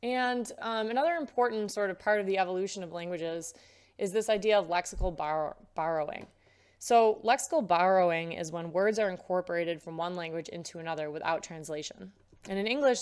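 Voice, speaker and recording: A woman's voice: on the low side, clear, resonant tone. A young woman giving a recorded lecture, explaining terms patiently with frequent filler words.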